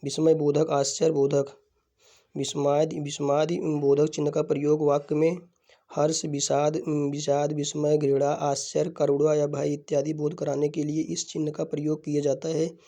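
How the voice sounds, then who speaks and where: A man teaching a Hindi grammar lesson, often pausing and repeating words as he dictates notes. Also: a little high, monotone, mellow. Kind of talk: classroom-style lesson explaining punctuation.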